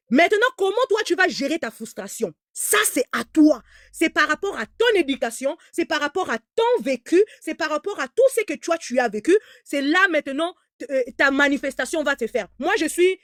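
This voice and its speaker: This high-voiced woman, a native German speaker, gives heated online commentary live, repeating herself emphatically and stammering as she starts over. The sound is dry and clean, studio-grade.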